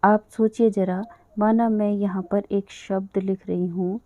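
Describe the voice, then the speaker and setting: A woman teaches young children in a dry, close recording, her mellow voice unhurried and careful. She patiently spells out each sound and repeats it for them. The recording is dull and lo-fi. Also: medium pitch, steady tone, no echo. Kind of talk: children's language lesson.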